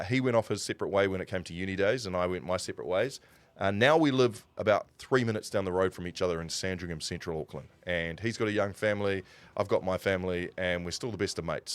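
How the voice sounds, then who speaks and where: Talking fast in a low voice, a forty-something streamer with a New Zealand accent spins rambling, conversational stories live. He keeps stopping to correct himself mid-thought.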